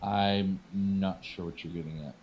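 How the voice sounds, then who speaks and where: A man's voice: deep voice, steady tone, measured pace, breathy edge, highs cut off. A man co-hosting a game stream, chatting casually and making dry, teasing remarks. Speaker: stream co-host. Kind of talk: casual live-stream chat.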